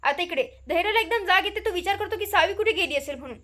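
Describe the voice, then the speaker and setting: A woman's voice: very high voice, lively intonation, quick pace, bright, forceful tone. A woman casually retelling the episode of a TV serial, chatty, with many fillers and quotes voiced in passing. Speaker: serial recap narrator. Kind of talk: casual spoken story recap.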